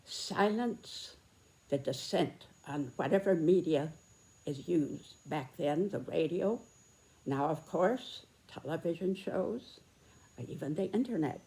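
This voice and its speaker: A very old American woman in her nineties speaks in a low-pitched voice at a slow pace. She reflects and comments earnestly, choosing her phrases deliberately and stressing them between pauses. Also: lively intonation, dark tone, poor audio. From United States. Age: 90s, very old. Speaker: video host, personal commentator. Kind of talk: reflective spoken commentary and reminiscence to camera.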